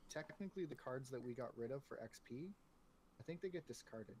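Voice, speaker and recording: A man's voice: medium pitch, animated, a little fast, darkish tone, slightly rough. A man chatting casually on a board game stream, explaining rules in a matter-of-fact way. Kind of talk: casual chat while learning a board game.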